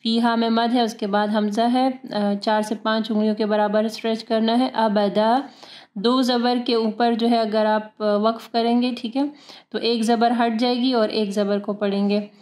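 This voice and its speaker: A woman teaches Quran recitation in a patient, step-by-step way. Her voice sits fairly high but stays level and even, with little rise and fall. She draws each recited verse out slowly before explaining it. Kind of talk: recitation lesson.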